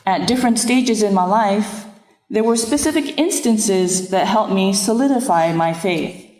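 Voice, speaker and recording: A woman minister whose first language is Japanese delivers an earnest, reflective sermon at a steady, measured pace. Her voice sits at an ordinary middle pitch for a woman. It rings out in a roomy worship hall with a long, trailing reverb. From Nepal. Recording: echoey room with long reverb.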